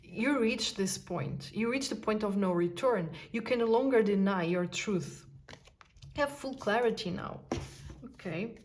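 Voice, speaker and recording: Woman tarot reader, gentle and reflective, thinks aloud over the cards with pauses. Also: mid-range voice. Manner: soft, reflective, musing aloud with sighs and pauses. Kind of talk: intuitive tarot reading to camera.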